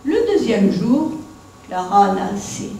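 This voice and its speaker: Woman storyteller, christmas tale, very slow, mellow tone, echoey room. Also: medium pitch, animated, distant mic, a little hiss or hum. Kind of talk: reading a Christmas tale aloud.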